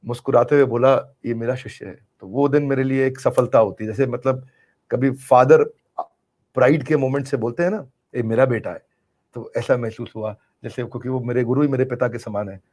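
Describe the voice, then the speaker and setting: A man's voice: medium pitch, a little mellow. A middle-aged man answering interview questions in an earnest, emphatic way, repeating key phrases for effect. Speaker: business coach being interviewed.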